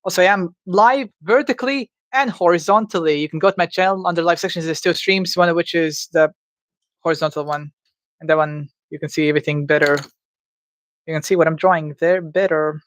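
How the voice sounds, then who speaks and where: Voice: medium pitch, a little fast, no echo. Streamer musing while drawing. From Latvia. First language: Latvian. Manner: thinking aloud, unsure and self-mocking. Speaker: livestreamer. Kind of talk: casual commentary while drawing live.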